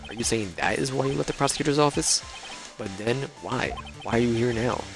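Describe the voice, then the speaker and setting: A man's voice: medium pitch, expressive, fairly quick, pitched above the performer's own voice, lightly acted. A man reading an earnest young defense lawyer. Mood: earnest troubled. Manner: earnest, hesitant. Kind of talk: reading game dialogue aloud. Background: game music.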